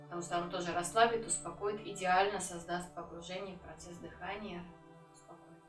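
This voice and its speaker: A woman giving an instructional breathing lesson as a yoga teacher, calm and unhurried, with pauses between phrases. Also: lowish voice. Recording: roomy echo, distant mic, music.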